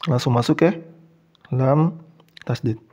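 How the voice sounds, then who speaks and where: A man teaching Quran reading step by step, with an Indonesian accent, who speaks patiently, repeats each example and chants the key words drawn out and louder. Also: medium pitch, slow. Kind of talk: slow step-by-step tutorial.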